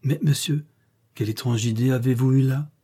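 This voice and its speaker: A man's voice: mid-range voice, fairly even intonation, brisk, mellow, slightly rough, close to an everyday voice. A man reading the part of an earnest, guarded young governess in an audiobook, raising his voice a little for her.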